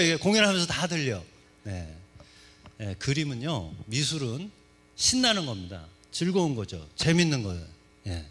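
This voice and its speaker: A middle-aged man from Seoul gives a humorous talk to a church congregation. He jokes a lot and keeps asking the audience questions. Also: on the high side. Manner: lively, joking, asks the audience questions. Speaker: guest speaker at a church service. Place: church sanctuary.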